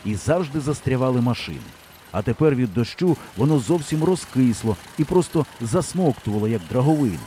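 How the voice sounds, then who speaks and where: A man narrating an audiobook in an expressive storytelling manner. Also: mid-range voice, fairly quick, slight background noise. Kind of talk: scripted narration.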